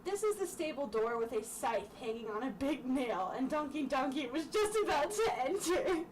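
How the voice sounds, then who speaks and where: A young woman reads a children's book aloud at storytime, her high voice animated and at normal speed. She reads informally, tossing in casual asides and tripping over the text. A distant mic picks up clearly noisy room sound.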